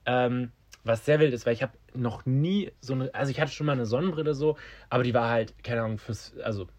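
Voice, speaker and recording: A young adult man with a husky edge to his voice, co-hosting a casual podcast. He tells stories in a lively way and laughs often, at an ordinary middle pitch. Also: brisk. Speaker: podcast co-host. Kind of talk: casual chat.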